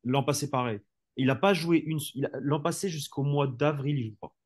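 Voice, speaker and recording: A sports journalist with a slightly rough, somewhat high voice speaks fairly quickly in a casual football debate. He argues his points with rhetorical flourishes and peppers his speech with fillers, especially "tu vois".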